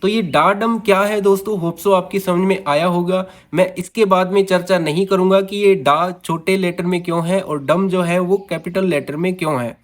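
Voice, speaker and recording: A man's voice: sits high, fairly even intonation, moderate pace, few pauses. A man teaching an English lesson to viewers, sounding out words syllable by syllable and often addressing them as friends. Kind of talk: classroom-style video lesson.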